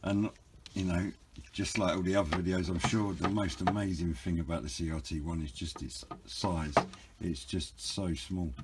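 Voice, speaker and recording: In an informal hobby product review, a British man speaks in a low, steady voice at a moderate pace over heavy background noise. His narration is hesitant and understated, with some rambling.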